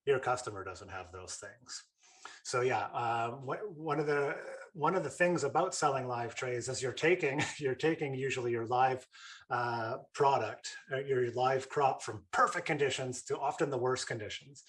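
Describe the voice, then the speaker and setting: A man's voice: mid-range voice, moderate pace, a bit bright. A man presenting an online lesson in a casual, chatty way, full of fillers and restarts. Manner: chatty, with fillers and repeated starts. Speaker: webinar presenter.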